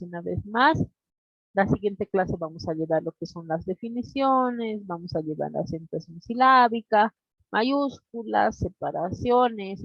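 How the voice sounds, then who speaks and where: A woman teaching an online class over a video call, deliberate, constantly checking in with her students. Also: mid-range voice, creaky, no echo. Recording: dull lo-fi online class audio.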